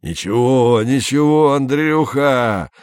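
A man's voice: medium pitch, lively intonation, slow, a little mellow, clean tone, dry recording, voice pushed up. A man voicing a kindly older man who speaks in a soothing, folksy way in a storybook reading.

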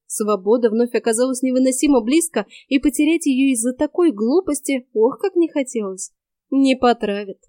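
A woman narrating a first-person fantasy audiobook with a lively, expressive reading. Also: sits high, fairly quick, few pauses, no echo, studio quality.

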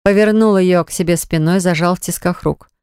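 A woman narrating a romance novel in a measured, expressive reading style. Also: lowish voice, smooth, dry recording, studio quality. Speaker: audiobook narrator.

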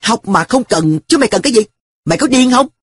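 A man's voice: very high-pitched, expressive, quick pace, husky, dry recording, pitched above the performer's own voice, exaggerated voice. A man voicing an earnest, hot-tempered schoolboy who talks in a pushy, exasperated way.

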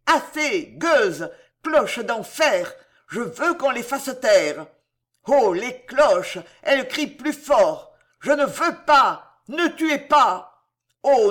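A man voicing a terrified young king who rants and pleads in panic, shouting at the clamor around him. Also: very high-pitched, pitched above the performer's own voice, exaggerated voice. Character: frantic terrified young king raving at bells.

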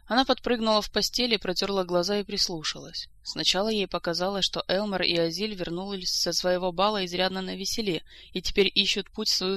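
An audiobook narrator reading a fantasy story with lively storytelling. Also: mid-range voice, no echo. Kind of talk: scripted narration.

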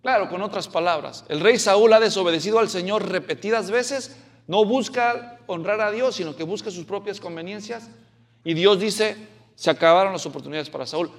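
A man preaching an expository sermon. He talks in an animated way, asks the congregation questions and acts out the quotes. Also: high-pitched, normal speed.

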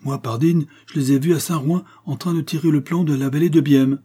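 Man voicing a rustic villager, blunt, emphatic, husky. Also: on the high side, steady tone, a little fast, warm tone, voice pushed up.

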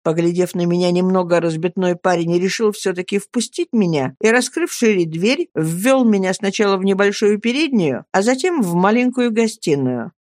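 An audiobook narrator reads a classic novel in a measured, storytelling way. The voice sits at a middling pitch and sounds dry and close to the mic. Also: animated, a little mellow, no room sound.

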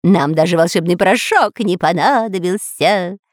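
A woman voices a gloating parrot henchman from a children's tale who crows over his foes. The voice is gleeful and slightly lowered. The reading is close and dry. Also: normal speed, no echo, lightly acted.

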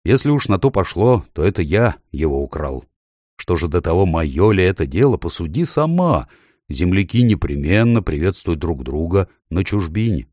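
A man's voice: deep voice, big pitch swings, normal speed, darkish tone, dry recording, clean studio sound. A man voicing a proud, noble male talking horse who speaks in a stately, lecturing way. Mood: lofty.

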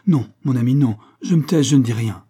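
A man's voice: mid-range voice, a little slow, dark tone, husky, voice pushed up. A man voicing a desperate woman in love, pleading and tearful, in an audiobook reading.

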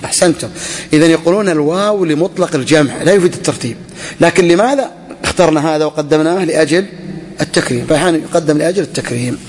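A man's voice: on the high side, racing, a little mellow, in a large hall. A man teaching an Arabic grammar lesson to students, repeating each phrase and quizzing the class with questions.

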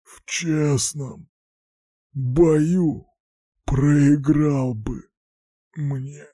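A man voicing a huge, brutal, boastful male fighter in an audiobook, drawing out his lines in a slow snarl. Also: mid-range voice, very animated, warm tone, no room sound, studio quality. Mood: wheezing.

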